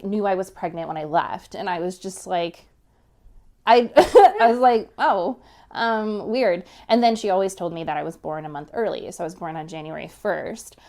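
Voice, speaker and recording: A woman in her thirties, a podcast guest telling a personal story in a casual, animated way, laughing often and filling with "like". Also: on the low side.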